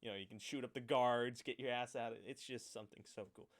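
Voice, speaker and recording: A man hosting a casual gaming chat, animated and loose, swearing and acting out quoted lines. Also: mid-range voice, a little fast. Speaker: podcast host.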